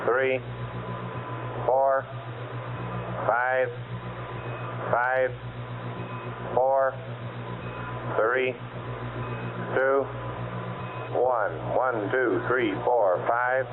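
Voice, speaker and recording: A man making procedural radio checks as a ground communications controller, in clipped, formal astronaut-radio phrasing over a voice loop. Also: medium pitch. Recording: noisy narrowband 1960s mission radio loop.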